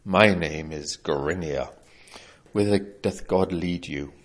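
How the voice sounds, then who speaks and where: A man's voice: deep voice, slow pace. A man voicing a huge, bored giant road-builder who speaks in archaic, formal words. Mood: plain.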